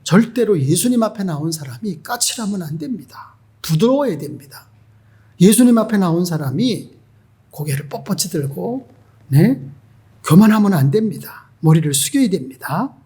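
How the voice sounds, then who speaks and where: A male pastor delivers a Sunday sermon with a high-pitched, slightly husky voice. He preaches emphatically and keeps turning to the congregation with rhetorical questions. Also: a little mellow.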